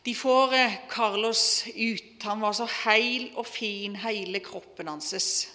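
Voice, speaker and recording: A woman's voice: mid-range voice, bright, forceful tone. Woman preaching in a reverberant hall. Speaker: preacher telling a testimony. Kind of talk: sermon storytelling.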